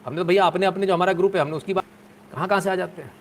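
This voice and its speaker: A man's voice: high-pitched, fairly even intonation, rapid-fire, a little hiss or hum. A man hosting a live stream, chatting casually with viewers in a joking, sarcastic way.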